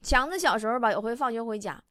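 A woman hosting a comedy talk show, telling jokes in a lively way and acting out the characters. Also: a little high, fast, dry recording, clean studio sound. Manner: lively, acts out characters, laughs at own jokes. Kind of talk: comic joke-telling monologue. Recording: noisy recording.

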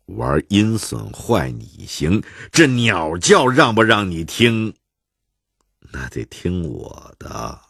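A man's voice: rumbling low, fairly even intonation, fairly bright tone, breathy edge, no echo, clean studio sound, pitched below the performer's own voice, full character voice. A man doing a stern old Beijing boss. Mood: angry. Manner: slow, stern and scolding.

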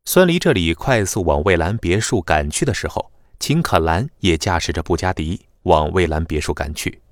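Male narrator, deep voice, lively pitch, dramatic storytelling, dry close mic. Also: normal speed, dry recording. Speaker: audiobook narrator. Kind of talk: scripted audiobook narration.

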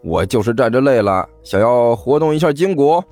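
A man's voice: medium pitch, expressive, moderate pace, a little mellow, no room sound, faint music behind, voice pushed up, lightly acted. A man voicing a chubby, cheeky schoolboy who talks in a sly, teasing, sing-song way. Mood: bickering.

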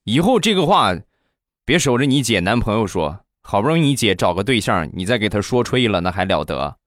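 A man voicing an angry middle-aged mother who scolds her son loudly in a raised voice. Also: fairly low pitch, sing-song, a little fast, no room sound. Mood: grudging. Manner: loud, scolding.

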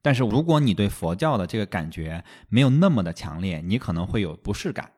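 A man hosting a casual podcast chat, eager and quick to agree, often repeating words as he goes. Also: on the low side, big pitch swings, a little mellow, slightly rough. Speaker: podcast host.

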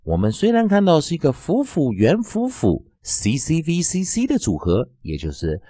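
A man teaching English phonics in a classroom style, repeating sounds and words slowly. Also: slightly rough, dry recording. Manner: slow, drawn-out repetition of sounds and words; very lively, sing-song pitch.

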